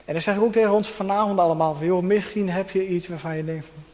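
A man preaching a sermon with personal testimony, earnest, with pauses and soft emphasis. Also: sits high, steady tone. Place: church hall. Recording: long hall reverb.

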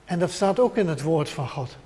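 A man's voice: a little high, lively intonation, normal speed, mellow. A man preaching a sermon with emphasis, repeating short phrases as he builds up, speaking directly to his listeners. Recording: long hall reverb.

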